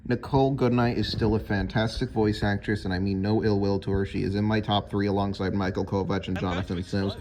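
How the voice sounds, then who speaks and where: A man's voice: on the low side, little pitch movement, a little fast, hardly any pauses, darkish tone, slight background noise. A man hosting a video, giving casual scripted ranking commentary. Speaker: video host.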